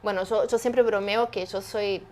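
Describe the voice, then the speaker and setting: A woman with a mid-range, darkish voice speaks at a moderate pace with fairly even intonation, and there's a little hiss or hum in the audio. She's an entrepreneur appearing as a guest in an animated interview, explaining her points emphatically and often posing rhetorical questions.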